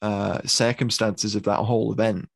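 Gravelly low podcast host. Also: male voice, fairly even intonation, no room sound. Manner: thoughtful, measured with hesitations. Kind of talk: casual podcast chat.

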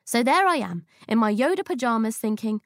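A woman's voice: on the high side, lively intonation, a little fast, dry recording, clean studio sound. A woman reading her essay aloud for an audiobook, in a playful, witty and slangy manner.

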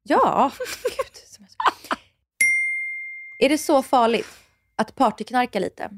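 A woman in her thirties hosting a casual podcast chat, a lively storyteller who acts out her friends' lines. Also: high-pitched, background noise. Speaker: podcast host.

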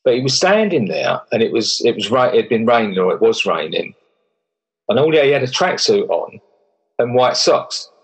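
A middle-aged man with a broad Essex accent and a husky voice at an ordinary male pitch. He talks in a casual, plain-spoken style, dropping slang and the odd swear word as he tells his stories. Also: sing-song, moderate pace, rough recording. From Essex, England. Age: middle-aged or older. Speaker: volunteer barber for homeless people. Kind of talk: casual chat, telling anecdotes.

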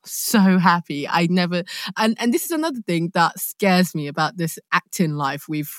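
A young actor from London, appearing as a podcast guest, chats casually and expressively, telling stories in a candid, slangy London-accented way. Her fairly low voice moves at normal speed with no room sound.

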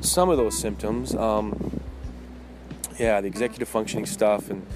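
Low-voiced man talking while walking. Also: steady tone, moderate pace, background noise. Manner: candid, rambling delivery with repeated false starts. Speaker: podcast host. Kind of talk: casual personal monologue. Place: outdoors in the woods, on a walk.

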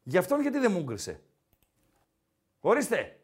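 Lively high-voiced Greek man, teasing. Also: husky. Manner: teasing, animated, repeats the co-host's name. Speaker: podcast host. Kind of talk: casual sports talk.

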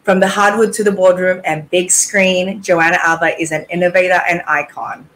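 A woman's voice: fairly low pitch, flat delivery, moderate pace, fairly bright tone, poor audio. A woman host reading a polished, scripted guest introduction. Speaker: show host.

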